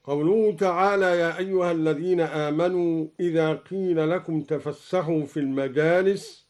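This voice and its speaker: A man who is a Quran recitation scholar, explaining the differences between readings and chanting each verse as an example in a measured, melodic way. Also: fairly high pitch, a little mellow.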